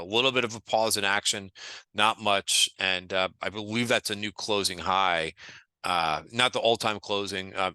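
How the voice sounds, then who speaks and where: A man's voice: lowish voice, sharp tone, clean tone, no echo. A man giving a casual daily stock market recap, joking dryly and talking with many fillers and restarts. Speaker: trading group market commentator.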